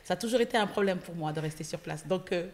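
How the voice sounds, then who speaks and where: A woman from Senegal, a guest entrepreneur, telling stories in a casual interview, lively, with many fillers. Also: fairly low pitch, quick pace. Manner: lively storytelling with frequent fillers. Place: podcast studio.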